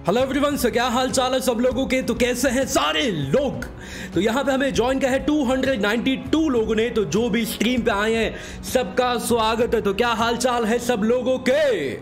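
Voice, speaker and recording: A man hosting a casual live game stream, voice hoarse from a sore throat, greeting viewers by name in a breezy, joking way. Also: very high voice, moderate pace, faint music behind.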